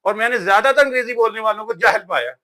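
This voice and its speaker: In a relaxed book vlog, this Pakistani man speaks in a high, bright voice with a forceful edge. His delivery is emphatic and preachy, peppered with frequent "yaar."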